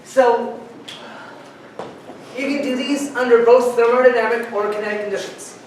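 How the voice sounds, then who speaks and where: A university chemistry lecturer talks at a moderate pace in a mid-range voice with fairly even intonation, chatty and given to joking asides. The recording, captured from far off in a large, echoey lecture hall, has a little hiss or hum.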